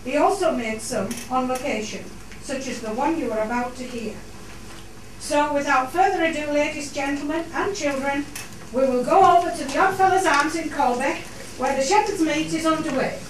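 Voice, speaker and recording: A woman with a high voice speaks at a moderate pace, hosting for a society as she formally welcomes a theatre audience from the stage and introduces a play. The recording is noisy and echoey, captured by a distant mic in the hall.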